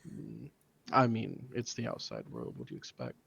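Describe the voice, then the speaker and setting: A stern older father of high church rank, voiced by a man. He speaks slowly and gravely in a low, measured voice in a tabletop game. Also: very animated, fairly bright tone, highs cut off, exaggerated voice.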